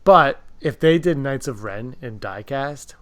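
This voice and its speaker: A man's voice: mid-range voice, animated, unhurried. A man hosting a podcast in casual chat, talkative and wryly joking. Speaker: podcast host.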